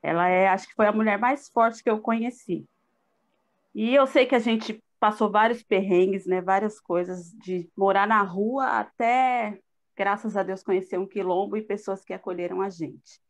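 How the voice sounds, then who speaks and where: A middle-aged Brazilian Portuguese-accented woman, appearing as a guest speaker, shares an earnest, reflective personal testimony in a live talk, using frequent fillers. She speaks at medium pitch and a moderate pace.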